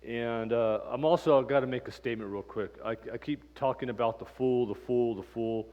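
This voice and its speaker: A man teaching a casual Bible class in a church, talking in a relaxed, conversational way with plenty of ums and uhs and personal stories. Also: mid-range voice, a little fast, dull audio. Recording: reverberant church room.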